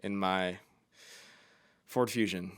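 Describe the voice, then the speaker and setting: A man's voice: low voice, fairly even intonation, takes it slowly. A man in his twenties hosting a comedy podcast, telling stories in casual chat and laughing often. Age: 20s. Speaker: podcast host.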